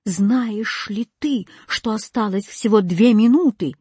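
A woman's voice: mid-range voice, slow pace, dark tone, husky, no echo, clean studio sound. A woman voicing an anxious, trembling question mark. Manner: trembling, worried.

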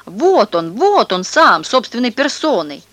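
A woman reading a children's story aloud, voicing an excited schoolboy who shouts accusations. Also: mid-range voice, a little fast, no room sound, lightly acted. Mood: excited shouting. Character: older schoolboy in glasses, excited tattletale.

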